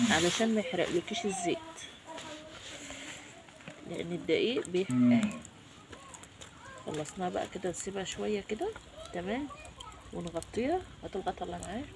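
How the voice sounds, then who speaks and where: An Egyptian-accented woman with a stuffy, congested nose gives a casual, homely cooking demonstration. She explains each step as she goes at a medium pitch. The recording is clearly noisy, with clicks and farm animal sounds behind her. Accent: Egyptian Arabic. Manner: homely, instructional, talks through each step. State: has a cold, stuffy nose. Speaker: home cooking vlogger.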